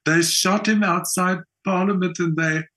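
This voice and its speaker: A middle-aged South African man who works as a skills trainer tells stories casually as an interview guest, often confirming the listener is with him. His voice sits high and has a sharp tone, with fairly even intonation and a slightly slow pace.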